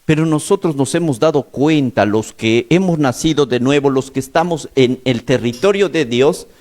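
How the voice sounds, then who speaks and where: A man's voice: mid-range voice, normal speed, a little mellow. A male pastor preaching a sermon, telling a story in an urgent, emphatic way, with a slightly sore throat.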